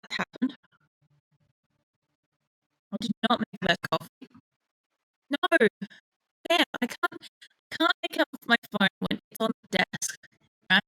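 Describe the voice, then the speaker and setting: A woman's voice: mid-range voice, lively intonation, measured pace, pauses often, bright, forceful tone, no room sound, soft background music, poor audio. A woman thinking aloud while streaming a game, sleepy and yawning, rambling and swearing casually at a desk microphone. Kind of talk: live-streamed gameplay commentary.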